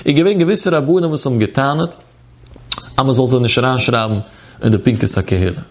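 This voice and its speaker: A man's voice: medium pitch, a little fast. A man teaching a Talmudic study lesson, moving in a chanting study cadence between explanation and quoted texts. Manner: sing-song study chant, quoting texts. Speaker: Torah teacher.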